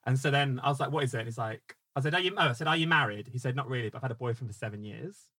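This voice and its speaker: A man's voice: mid-range voice, rapid-fire, sharp tone, no echo. A man with an Essex accent in casual, bantering chat, slangy and cheeky. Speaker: comedian co-host guest.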